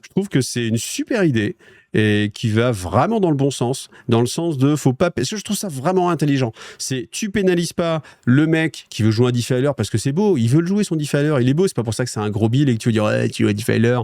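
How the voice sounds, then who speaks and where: A man's voice: mid-range voice, lively intonation, brisk, a little mellow, no echo, studio quality. A French man hosting a wargaming news show, chatting casually with viewers in a rambling way, with lots of fillers and restarts. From France.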